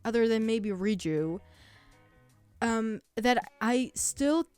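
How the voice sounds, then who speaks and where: A woman's voice: on the high side, takes it slowly, a little mellow, smooth, dry recording, faint music behind. A woman ranting in casual chat, heated and sweary, with lots of fillers and restarts. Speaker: streamer.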